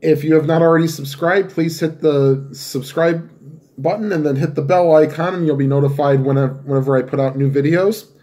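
Nasal-voiced man, getting over a cold. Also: fairly high pitch. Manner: relaxed, unhurried, with small restarts. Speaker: channel host. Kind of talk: casual sign-off to viewers.

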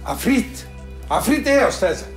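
An actor playing an office boss who speaks Egyptian Arabic in a brisk, commanding way, sometimes calming, sometimes firm. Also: male voice, very high-pitched. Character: middle-aged male office boss, commanding. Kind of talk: TV drama acting. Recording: music playing under the scene.

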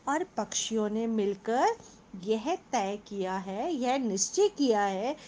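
A woman's voice: on the high side, animated, slow, dark tone. A woman voicing a cunning female fox who talks in a sugary, coaxing way in a children's story. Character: sly sweet-talking fox, female, cunning.

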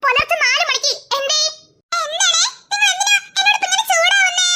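A woman's voice: animated, a little fast, background noise. A woman voicing an anxious, clingy schoolgirl who whines and pleads tearfully in a cartoon. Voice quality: whiny and tearful, high child voice. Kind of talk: cartoon voice acting.

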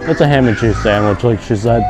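A man's voice: mid-range voice, fairly quick. A man talking with his mouth full, giving an offhand, laid-back verdict on festival food outdoors. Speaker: co-host tasting festival food. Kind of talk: casual food review chat. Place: outdoors at a theme park festival in rain. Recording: outdoor video with loud music behind.

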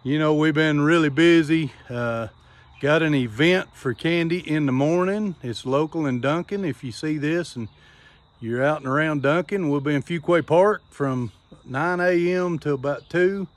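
A man's voice on the high side comes through at a moderate pace as he vlogs about homesteading. Filming on a phone camera at arm's length around his barn and backyard, he gives casual how-to tips in a folksy, chatty way, saying "y'all."

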